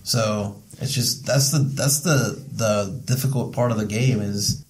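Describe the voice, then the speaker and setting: A man's voice: fairly low pitch, unhurried. A man co-hosting a casual podcast in an echoey basement, informal and loose with swearing. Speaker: podcast co-host. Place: theater basement.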